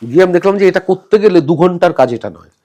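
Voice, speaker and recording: Theatre director guy on a podcast, talks fast and lively, high-ish voice. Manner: animated, acts out quoted dialogue; explains with frequent English terms. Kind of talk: podcast conversation.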